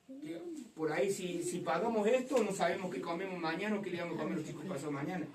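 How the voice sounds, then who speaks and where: A woman preaching a fervent sermon to a congregation, rising to loud emphatic passages. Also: fairly low pitch, animated, quick pace, crowd noise. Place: church hall. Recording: echoey hall from far off.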